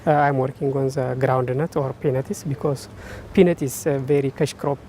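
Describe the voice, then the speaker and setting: Flat, mellow-voiced man from Ethiopia. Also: medium pitch, normal speed, slight background noise. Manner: hesitant, many fillers. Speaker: researcher. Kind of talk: interview testimonial.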